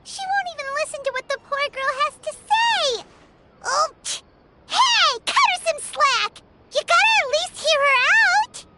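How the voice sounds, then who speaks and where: A woman voicing a tiny, childlike, outspoken fairy companion in a video game, squeaky and earnest. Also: expressive, unhurried, pushed and bright, a little hiss or hum, heavily acted. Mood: indignant. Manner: squeaky, refers to herself in third person. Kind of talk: animated game voice acting.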